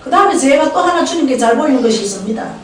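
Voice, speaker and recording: A woman's voice: high voice, lively intonation, racing. An older woman with a Gyeongsang Korean accent preaching a humorous storytelling sermon, chatting with and questioning the congregation. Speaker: prayer house director preaching. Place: church sanctuary. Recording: echoey church hall, distant mic, poor quality.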